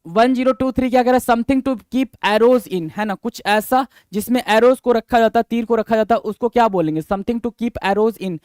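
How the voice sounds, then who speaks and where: Male teacher, high clear voice, dry close sound, drills words by repetition. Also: darkish tone, no echo. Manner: repetitive, addresses viewers as "bhai", quizzing questions; reads English definitions slowly, then explains. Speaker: exam vocabulary teacher. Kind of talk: lecture-style teaching.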